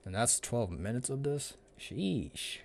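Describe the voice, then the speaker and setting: A man's voice: mid-range voice, big pitch swings, slow, creaky, background noise. A man hosting a let's play, making casual, offhand, grumbling asides as he reads game dialogue aloud.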